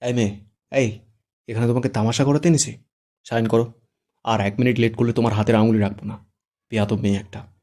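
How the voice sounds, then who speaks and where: A man's voice: mid-range voice, steady tone, fast talker, mellow, close to an everyday voice. A man voicing a hot-tempered young groom who gives curt, threatening commands. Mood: bossy.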